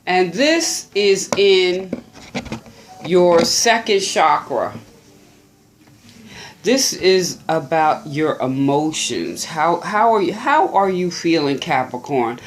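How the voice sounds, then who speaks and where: A tarot reader giving a gentle, unhurried birthday reading to viewers, musing aloud and restarting phrases. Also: medium pitch, very animated, a little hiss or hum.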